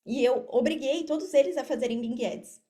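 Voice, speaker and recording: As a guest on a podcast, an affiliate marketer and mentor with a Brazilian accent explains things straight to the listener in relaxed interview talk. Her voice is high-pitched with a dark tone, at a normal speed.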